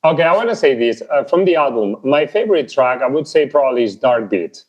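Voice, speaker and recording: A man's voice: medium pitch, animated, brisk. A man hosting an interview, listening attentively and asking hesitant, rambling questions. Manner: attentive, frequent mm-hmms, hesitant questions with uhs. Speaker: interviewer, channel host. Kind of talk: casual interview chat. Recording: dull lo-fi audio.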